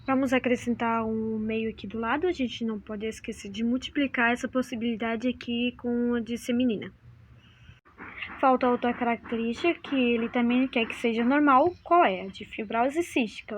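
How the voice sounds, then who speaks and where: Teen girl talking thru a genetics problem out loud, kinda high voice, hesitant. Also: a little hiss or hum. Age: late teens. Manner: thinks aloud while writing, hesitant. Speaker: student explaining a genetics problem. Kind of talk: improvised homework explanation.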